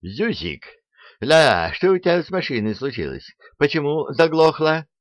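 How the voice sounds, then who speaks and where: A man voicing a frantic army engineer captain who yells and rattles off his words, on a dull, dry, lo-fi recording. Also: medium pitch, very animated, dry recording, voice pushed up. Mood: yelling. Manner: yelling, rattling fast.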